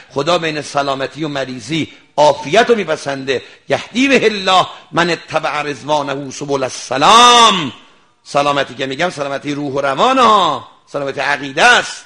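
A man preaching an animated sermon, telling stories and acting out their dialogue, sometimes rising to a shout. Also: on the high side. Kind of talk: sermon with storytelling.

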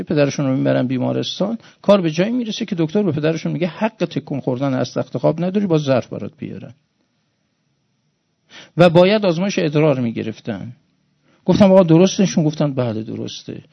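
A male preacher with a gravelly, slightly high voice gives an emotional sermon. He drops to hushed storytelling, then rises to loud, high exhortation. The recording sounds dull and lo-fi.

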